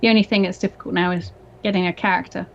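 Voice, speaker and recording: A woman's voice: on the low side, fairly even intonation, rapid-fire, a little hiss or hum. A woman co-hosting a live mahjong stream, casually thinking aloud about her moves. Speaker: co-host and player on a mahjong stream. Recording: slightly dull, muffled stream audio.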